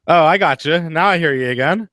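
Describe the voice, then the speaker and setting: A man's voice: a little high, fairly quick, pushed and bright, dry recording, studio quality. A man hosting an online call-in radio show, chatting casually and tripping over his words, laughing at his own slips. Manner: easygoing, stumbling, laughing at himself. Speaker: podcast host.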